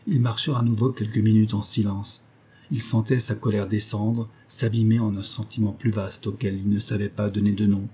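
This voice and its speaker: A man narrating a literary novel in a measured, even reading. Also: on the low side, breathy edge. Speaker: audiobook narrator.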